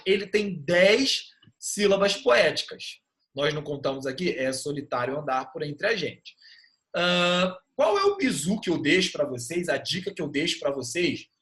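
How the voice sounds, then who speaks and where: Brazilian male teacher, slightly higher voice, patient and step by step, online class. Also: a bit bright. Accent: Brazilian Portuguese. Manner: patient, checks understanding with frequent "tá bom?".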